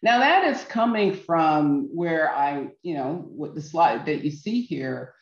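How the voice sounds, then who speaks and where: A woman's voice: low voice, lively intonation. Middle-aged woman from Barbados, earnest workshop presenter, some ums; roomy, dull video-call sound. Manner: earnest, measured, with frequent ums and restarts. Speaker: workshop speaker.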